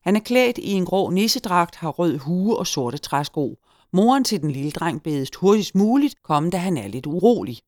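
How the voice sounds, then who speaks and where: A woman voicing a formal department store loudspeaker announcer, in a storybook reading. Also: on the low side, big pitch swings, no room sound, clean studio sound, pitched above the performer's own voice. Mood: announcing.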